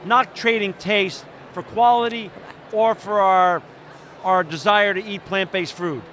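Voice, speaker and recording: A man's voice: high-pitched, steady tone, a little slow, fairly bright tone, slight background noise. A man hosting an interview show, asking questions in an upbeat, enthusiastic manner at an outdoor festival. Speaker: radio show host.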